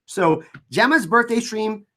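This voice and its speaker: A person with a French Canadian accent hosting a casual livestream, chatting informally and reading out viewer comments, often halting and repeating words. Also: mid-range voice, lively intonation, bright, forceful tone. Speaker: livestream host.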